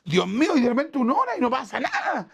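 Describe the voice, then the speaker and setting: Chilean pastor guy preaching, gravelly voice, lots of rhetorical questions. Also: extremely high pitch, wildly swooping pitch, fast, fairly bright tone. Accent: Chilean Spanish. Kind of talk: sermon.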